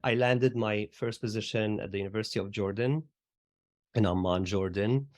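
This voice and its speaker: Low-voiced Syrian man, reflective. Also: moderate pace, a little mellow, no room sound, studio quality. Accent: Syrian Arabic. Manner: reflective, uses "like" and "right?" often. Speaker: guest, theater educator. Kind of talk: conversational interview.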